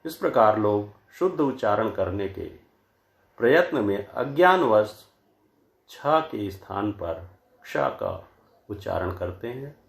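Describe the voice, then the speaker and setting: A man teaching a grammar lesson from slides, saying each word slowly and often twice so that wrong and right forms can be compared. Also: lowish voice, very animated, creaky, roomy sound. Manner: slow, deliberate, says each word pair twice to contrast. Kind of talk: slide-based lecture.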